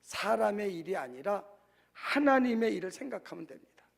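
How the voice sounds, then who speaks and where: Gravelly high-voiced Korean pastor preaching. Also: male voice, sing-song, normal speed. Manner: conversational preaching with rhetorical questions to the congregation. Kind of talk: sermon.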